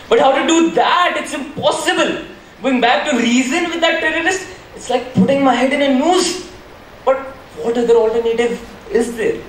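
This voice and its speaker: A man playing a young hacker in a school stage play, dramatic and self-questioning. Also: very high voice. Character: young male hacker, boastful then guilt-ridden. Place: large school hall. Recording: echoey hall from far off, faint noise.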